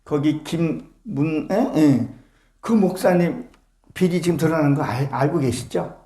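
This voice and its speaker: A man's voice: a little high, measured pace, mellow, echoey room. A male pastor preaching a sermon to his congregation, fervent and full of rhetorical questions. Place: church sanctuary with congregation.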